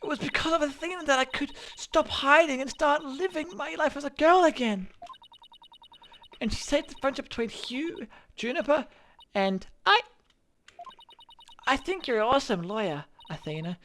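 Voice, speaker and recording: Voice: high voice, expressive, moderate pace, a bit bright, a little hiss or hum, pitched above the performer's own voice. A streamer voicing an earnest, fiercely loyal young woman in a raised, pleading voice. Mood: passionate.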